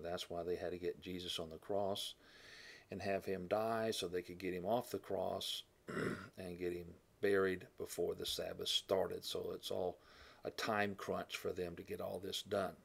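Low gravelly male Bible teacher. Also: little pitch movement, normal speed. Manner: thinking aloud, with fillers and self-corrections; clears his throat often. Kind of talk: classroom Bible lesson.

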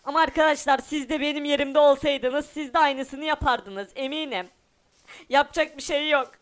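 A man doing a sulky high-voiced runaway boy. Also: fairly even intonation, moderate pace, a bit bright. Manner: whiny, sulking, talks to viewers.

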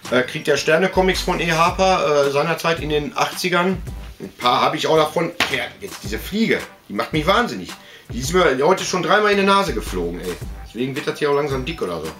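In an indoor room full of collectibles, a man hosts a casual vlog showing off his items. His fairly high, slightly bright voice rambles colloquially, often cutting himself off mid-thought.

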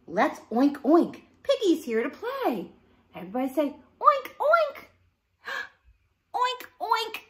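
Speaking at an extremely high pitch with huge swings, a middle-aged woman takes a slow pace through an interactive picture book for young kids. Her tone is a bit bright and her delivery exaggeratedly sing-song, recorded indoors in a home living room.

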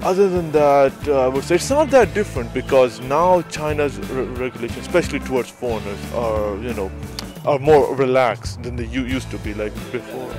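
A man's voice: medium pitch, expressive, normal speed, few pauses, music in the background. A young male student answering street interview questions outdoors, hesitant with many fillers and restarts. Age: young adult. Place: outdoors on a city street by trees. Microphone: handheld shotgun mic held by interviewer.

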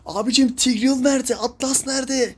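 A man's voice: extremely high pitch, steady tone, normal speed, a little hiss or hum. A young man giving casual commentary while playing a mobile game, ranting in exasperation at his teammates.

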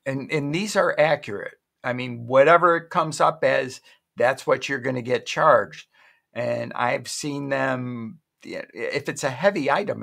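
A middle-aged man with a medium-pitched, gravelly, fairly bright voice walks viewers through an online auction site from his home desk. This online shopping vlogger keeps it casual, a chatty screen-share where he rambles and corrects himself along the way.

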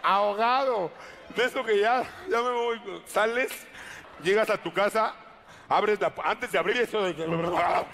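A man's voice: sits high, normal speed, a bit bright, slight background noise. A man with a Mexican Spanish accent doing a stand-up comedy routine, full of crude slang and acted-out quotes.

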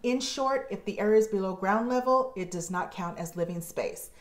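A woman in her forties with an American accent, a real estate agent hosting her channel, explaining to camera in a measured, informative way with slow deliberate emphasis. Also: mid-range voice. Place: home office, indoors. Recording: roomy office echo.

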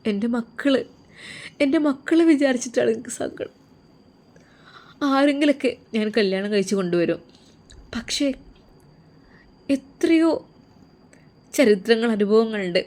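Woman doing soft pleading dad voice, malabar lilt, fairly high. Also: animated, measured pace, long pauses. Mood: sorrowful. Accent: Malabar Malayalam. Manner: hushed, tearful, pleading. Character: worried young widowed-like father, soft-spoken man. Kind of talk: storytelling role voice.

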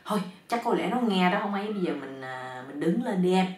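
A gruff, bossy husband, as a woman puts him on, grumbling and complaining. The pitch moves a lot, and the sound is roomy and set back from the mic. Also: animated, fast, distant mic, lightly acted.

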